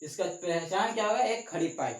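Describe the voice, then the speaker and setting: A male teacher, high-pitched and animated, delivers his lesson in a room full of echo. Speaking slowly, he repeats points and asks frequent questions that get students answering and taking notes.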